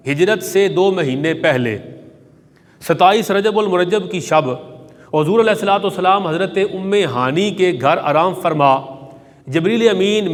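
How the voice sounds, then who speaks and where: A man with a high voice delivers a Friday sermon, telling a sacred story with reverence. He recites Arabic hadith lines between his narration, and the long reverb of a large hall rings behind his voice. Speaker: preacher.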